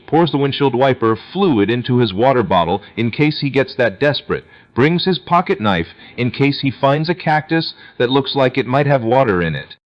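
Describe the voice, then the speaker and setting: A cloned, synthetic man's voice narrates a script at a middling pitch. The sound is dull and lo-fi, with no room around it. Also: no room sound.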